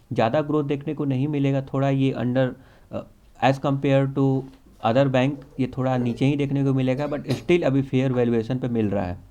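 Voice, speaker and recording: A man's voice: medium pitch, a little mellow. A man, casually talking through stock picks as a channel host, confident and mixing in English terms. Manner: confident, repeats stock phrases, mixes English terms into Hindi.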